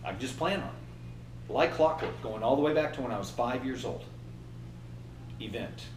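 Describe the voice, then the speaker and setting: Brief: lively man in his fifties, trainer leading a workshop, echoey room, mic a bit distant. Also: mid-range voice, normal speed, slight background noise. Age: 50s. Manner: animated, acts out inner voices and laughs. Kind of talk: motivational workshop talk.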